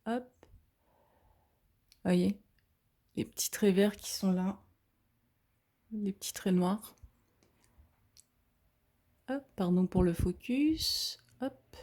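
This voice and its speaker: A woman of thirty, a coloring vlogger, chats casually in a medium-pitched voice while she colors, soft-spoken, hesitant, and prone to fillers. She records on a phone camera positioned right beside her head, in a space with a roomy echo.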